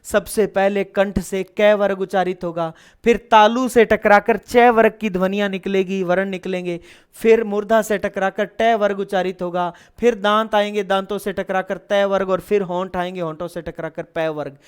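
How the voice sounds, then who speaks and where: Clear-voiced male teacher drilling syllables. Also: high voice, steady tone, moderate pace. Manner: explains step by step, asking and then answering his own questions. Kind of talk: online lesson.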